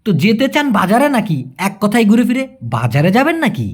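Man, language lesson, animated pitch, patient and repetitive. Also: brisk, husky. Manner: repetitive, coaxing, checks understanding often. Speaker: language teacher. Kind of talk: explaining Malay vocabulary to viewers.

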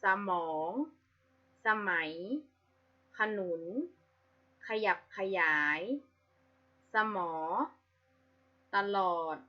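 Slow, patient woman teacher. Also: on the low side, steady tone. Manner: patient, spells out each sound carefully. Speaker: primary school teacher. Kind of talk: slow, clear classroom reading lesson. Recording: slightly dull lo-fi audio.

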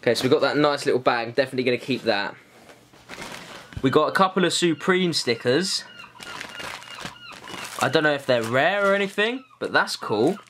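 Young guy, excitable vlog host, slangy, noisy handheld camera sound. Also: on the high side. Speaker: vlogger host. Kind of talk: casual vlog unboxing and exploring. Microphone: handheld camera mic.

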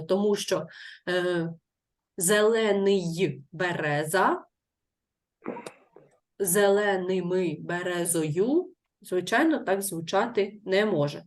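A woman with a medium-pitched, slightly dark voice teaches a grammar lesson as a primary school teacher. She patiently repeats her pupils' answers and asks them guiding questions.

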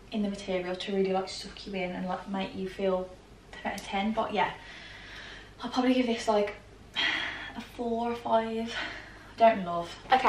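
In a plain grey bedroom, a British fashion vlogger in her twenties chats casually through a try-on haul, leaning on "like" again and again. Her mid-range voice comes from a camera mic across the room, sounding distant and a little off-mic, with roomy echo, faint ambience, and slight background noise.

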